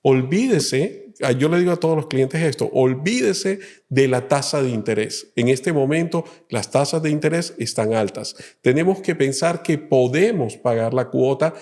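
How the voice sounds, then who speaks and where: Calm middle-aged man from Colombia. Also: mid-range voice, normal speed, few pauses. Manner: calm, explanatory, many fillers. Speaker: loan officer guest. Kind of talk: interview answers.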